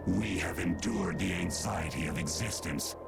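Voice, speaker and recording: An actor playing a giant ancient bird spirit in a video game, grave, lordly and solemn, with archaic formal speech. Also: male voice, moderate pace. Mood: stern. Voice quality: deep, gravelly. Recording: game music behind the voice.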